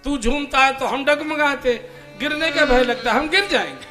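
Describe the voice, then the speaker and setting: A man voicing a god who is afraid of falling and pleads gently with a devoted boatman. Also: extremely high pitch, animated, moderate pace, music in the background, pitched above the performer's own voice. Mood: anxious pleading. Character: frightened yet loving god steadying himself.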